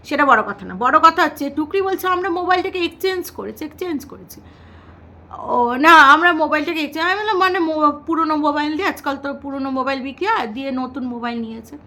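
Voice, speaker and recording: High bright-voiced chatty woman vlogger. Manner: teasing, chatty, repeats words in a sing-song way. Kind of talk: casual commentary to viewers.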